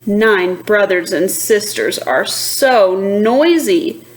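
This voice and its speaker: A woman reads a children's picture book aloud like a teacher, expressive and deliberate, stopping to ask her young listeners questions. Her voice is medium-pitched, and the poor audio carries slight background noise.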